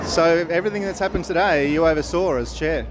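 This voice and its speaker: A man's voice: fairly high pitch, quick pace, a loud crowd. An Australian man hosting a casual on-the-spot podcast interview, chatty and hesitant as he shapes his questions. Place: busy convention venue. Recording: noisy location recording, busy venue ambience.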